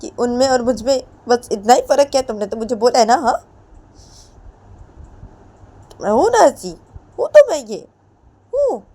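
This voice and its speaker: A woman voicing a hurt, bitter young woman who pleads and taunts with shrill, insistent questions. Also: fairly quick, pauses often, darkish tone, close to an everyday voice. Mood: bitter taunting.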